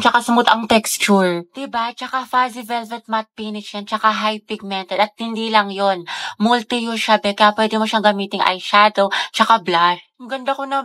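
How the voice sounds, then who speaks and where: A woman acting in a comedy skit, talking in a chatty, excited, gushing way. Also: fairly high pitch, normal speed, no echo.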